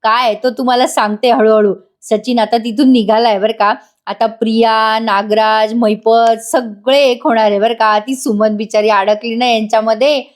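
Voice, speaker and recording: A woman's voice: on the high side, steady tone, moderate pace, hardly any pauses. Chatty woman recapping a TV serial. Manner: chatty, addresses viewers directly. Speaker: TV serial reviewer. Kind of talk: voice-over episode recap. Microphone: voice-over studio mic.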